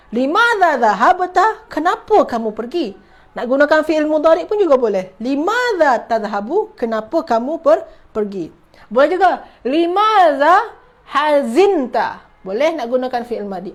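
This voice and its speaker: High-voiced Malaysian woman teaching slowly. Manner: slow, drawn-out model phrases, repeats them and quizzes the class. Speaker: Arabic language teacher. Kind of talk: online class lesson.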